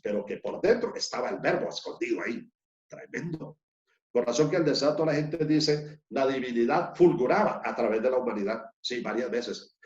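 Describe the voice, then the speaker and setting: A man preaching a sermon, reading verses aloud and putting questions to the congregation. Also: mid-range voice. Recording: echoey, dull lo-fi room sound.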